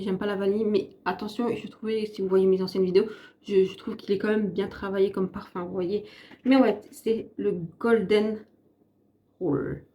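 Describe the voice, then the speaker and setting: A woman's voice: mid-range voice, lo-fi sound. A French woman vlogging a casual makeup and perfume review, chatty and rambling, often correcting herself. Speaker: beauty vlogger.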